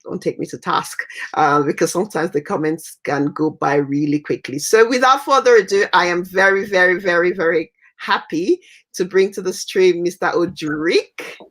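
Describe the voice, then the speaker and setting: A woman's voice: lowish voice, moderate pace, fairly bright tone. A woman from Cameroon hosting a livestream interview, enthusiastic and repeating words for emphasis. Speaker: talk show host.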